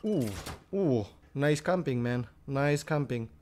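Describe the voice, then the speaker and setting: A young man from Spain with a Spanish accent, live-streaming himself playing a game, excitable, swearing often and dropping English phrases into his commentary. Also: mid-range voice, slow pace, background noise. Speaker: gaming streamer.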